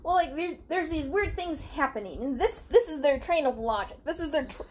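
A woman's voice: high-pitched, animated, brisk, darkish tone, a little hiss or hum. A woman co-hosting a casual podcast, telling a true story in a chatty way, laughing and acting out quotes. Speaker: podcast co-host.

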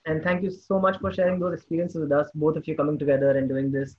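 A man's voice: on the high side, level tone, quick pace. A man hosting a podcast interview, asking long rambling questions with lots of fillers and jokes. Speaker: podcast host. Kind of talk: casual interview chat. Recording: dull lo-fi sound.

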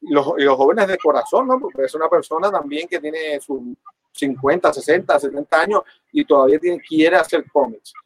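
A man's voice: on the high side, moderate pace, no room sound, poor audio. A man with a Puerto Rican accent hosting a casual interview, friendly and chatty, often voicing agreement. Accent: Puerto Rican Spanish. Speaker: interviewer host.

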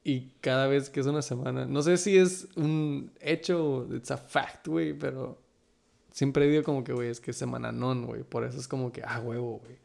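A man's voice: mid-range voice, steady tone, normal speed, gravelly, darkish tone. A man with a Mexican Chicano accent chatting casually as a co-host, full of street slang and dropping in English phrases. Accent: Mexican Spanish with Chicano flavor. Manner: slangy, code-switches into English. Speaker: sports league podcast co-host. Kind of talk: casual slangy banter about a fantasy league.

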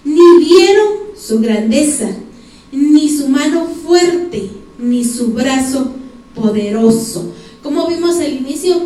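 Guatemalan woman preaching, high mellow voice, asks the church for examples, heard from far off in a big echoey room. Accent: Guatemalan Spanish. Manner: addresses the congregation directly, asks them for examples. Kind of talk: sermon. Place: church sanctuary.

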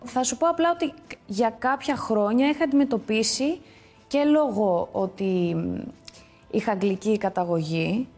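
A young woman in her twenties from Greece, a guest actress talking casually and candidly in an interview, quick to laugh at herself. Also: a little high, a little mellow, soft background music.

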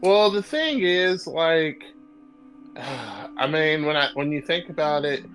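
A man co-hosting a podcast, talking casually and excitedly, often wandering off into side notes. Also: a little high, takes it slowly, faint music behind. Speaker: podcast co-host. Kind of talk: casual chat.

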